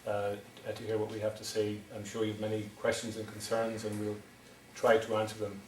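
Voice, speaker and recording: At a town meeting, a middle-aged wind energy developer from County Wexford, Ireland, presents hesitantly, with many ums and restarts. His lowish, slightly mellow voice is completely flat and a little fast. Slight background noise accompanies the distant recording in an echoey hall.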